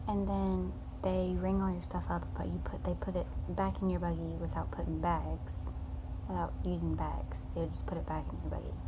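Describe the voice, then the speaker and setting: A young woman vlogs into a phone camera held close, rambling through a story packed with fillers and restarts, first from a parked car and then in a home living room at night. Her lowish voice stays level at a moderate pace over a noisy background.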